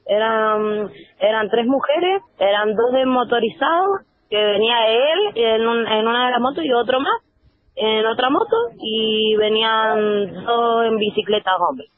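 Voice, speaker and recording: A woman's voice: on the high side, no room sound. Woman on a tinny phone line. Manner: halting, with many restarts and quoted dialogue. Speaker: interviewee on the phone. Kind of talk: phone interview, recounting events.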